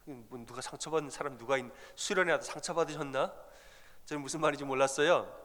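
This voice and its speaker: A male pastor preaching a sermon, telling a story in an animated way and acting out the people in it. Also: a little high, quick pace, long reverb tail.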